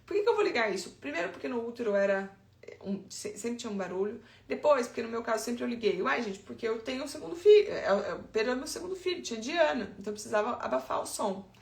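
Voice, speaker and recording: A woman's voice: a little high, expressive, fast, creaky, echoey room. A Brazilian woman in her thirties, an infant sleep consultant giving chatty, emphatic advice straight to her listeners. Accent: Brazilian Portuguese. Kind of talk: informal advice talk.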